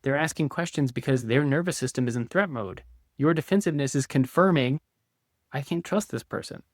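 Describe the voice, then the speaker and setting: A man, a couples counselor, calmly teaching step by step in a direct-to-camera video and acting out sample replies. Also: medium pitch, fairly quick, no room sound, clean studio sound. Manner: calm, instructive, acts out example replies.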